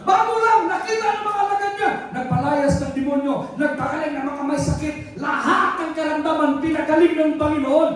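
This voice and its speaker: A man's voice: very high voice, a little fast, hardly any pauses, recorded from a distance. Man preaching in a very echoey hall. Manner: storytelling with laughs and shouted calls. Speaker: pastor. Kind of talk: sermon.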